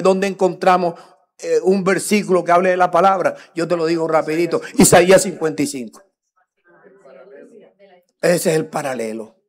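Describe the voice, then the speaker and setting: A middle-aged man with a Colombian accent, preaching a teaching sermon, swinging between loud emphatic lines and quiet muttered asides and joking with the congregation. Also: fairly high pitch. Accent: Colombian Spanish. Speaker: pastor.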